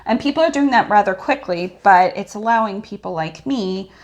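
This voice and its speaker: A woman with a mid-range, animated voice and a moderate pace hosts a casual chat on her channel as a thrift reseller. She talks through items and their sizes, laughing easily.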